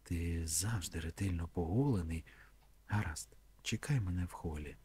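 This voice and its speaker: A man's voice: sits low, normal speed, dark tone, husky. A man voicing a flirtatious, teasing woman, sometimes dropping to a whisper. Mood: coy.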